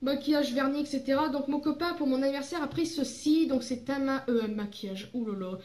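Young female beauty vlogger from France, high voice, casual and chatty, stumbles over her words. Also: brisk, a little mellow, roomy sound. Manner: chatty, rambling, fillers and self-corrections. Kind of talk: casual haul vlog.

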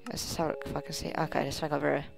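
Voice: medium pitch, flat delivery, rapid-fire, creaky, soft background music. A gamer giving casual commentary while playing, rambling and thinking aloud, often trailing off mid-sentence. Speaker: let's play gamer.

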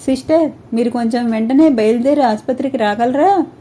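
A woman's voice: fairly high pitch, moderate pace, dark tone, lightly acted. A woman voicing a young nurse who calls in an anxious hurry. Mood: anxious, urgent. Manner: urgent, worried pleading.

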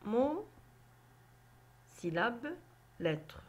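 Slow, husky woman teaching phonics. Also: on the high side, big pitch swings. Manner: slow, deliberate, spelling out syllables. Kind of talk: slow phonics lesson for children.

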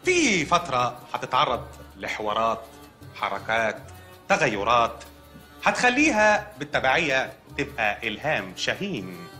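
An actor playing a matter-of-fact hospital doctor with an Egyptian accent in a TV comedy sketch. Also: male voice, mid-range voice, big pitch swings, normal speed, pushed and bright, soft background music. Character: deadpan hospital doctor breaking odd news.

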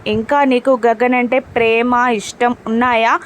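A woman's voice: fairly high pitch, little pitch movement, normal speed, a little hiss or hum, close to an everyday voice. A woman voicing a stern, proud middle-aged father who questions his daughter. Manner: demanding, boastful.

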